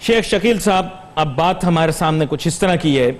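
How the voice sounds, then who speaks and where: A man's voice: fairly high pitch, animated, normal speed. A man with a Pakistani Urdu accent hosting a business TV show, mocking and sarcastic in a monologue before interviewing a guest over a studio mic. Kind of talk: satirical monologue then interviewing.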